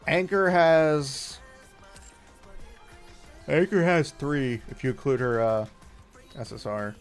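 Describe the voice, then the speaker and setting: A man's voice: medium pitch, fairly even intonation, takes it slowly, faint music behind. A man casually chatting on a gaming stream, rambling and trailing off, sleepy and yawning. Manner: rambling, laid-back, trailing off.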